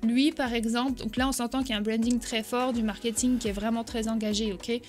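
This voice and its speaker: A woman's voice: fairly high pitch, steady tone, fairly quick, a little mellow, faint music behind. A woman, giving a chatty screen-share tutorial as an e-commerce coach, often checking in with "ok?". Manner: chatty, frequent "ok?" check-ins.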